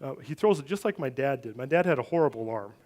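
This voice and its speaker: A middle-aged man preaching a sermon, telling a family story with animated, loud swings when he acts out what people said. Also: mid-range voice, fast talker. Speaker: pastor. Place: church sanctuary.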